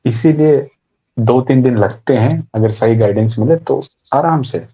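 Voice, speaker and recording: A man with a husky, breathy voice talks through meditation as a podcast guest. He explains conversationally, slipping into little acted-out inner voices and everyday examples. The recording sounds dull and muffled. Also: medium pitch, a little slow.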